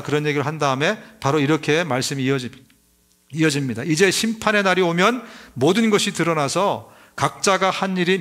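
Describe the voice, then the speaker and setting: A middle-aged man preaching a sermon in a notably high voice. He speaks with emphatic, rising force and raises his voice further when he acts out crying babies. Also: fairly bright tone. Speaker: pastor.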